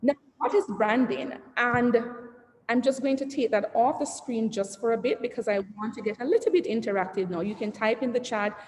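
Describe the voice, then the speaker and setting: A company CEO, a woman with a higher-pitched, brisk voice, gives an interactive online branding presentation to entrepreneurs. She's conversational, putting questions to the audience, reading the chat aloud, and ending lists with "et cetera." The roomy, echoey recording carries faint background noise.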